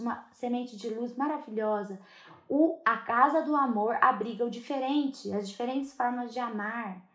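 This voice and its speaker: A woman co-hosting a podcast, responding in a warm, affirming way. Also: mid-range voice. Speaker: podcast co-host. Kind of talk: conversational podcast talk. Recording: echoey room.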